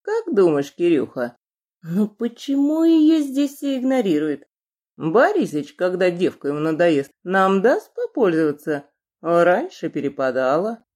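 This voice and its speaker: A woman's voice: fairly low pitch, very animated, measured pace, a little mellow. A woman voicing a burly, crude male thug who mocks and leers, in an audiobook. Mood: leering. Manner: mocking, leering. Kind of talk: audiobook character reading.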